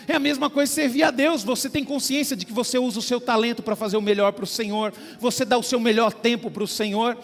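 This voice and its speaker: Male pastor, sermon delivery, high voice, reverberant church hall with faint music beneath. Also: fairly even intonation, quick pace, gravelly, few pauses. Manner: preaching with small acted-out dialogues and frequent "queridos".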